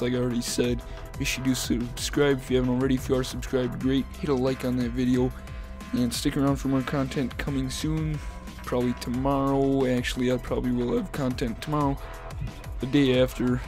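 Rambling young-sounding gamer guy, flat voice. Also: medium pitch. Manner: rambling, repeats himself, many fillers; says he is talking fast to keep it short. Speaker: gaming YouTuber. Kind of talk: casual gaming commentary.

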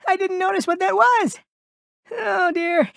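A man's voice: extremely high pitch, unhurried, creaky, fairly bright tone, no echo, studio quality, exaggerated voice. A man voicing a small, anxious, kindly piglet for a cartoon video game, stammering politely and hesitantly as he goes. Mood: anxious, encouraging.

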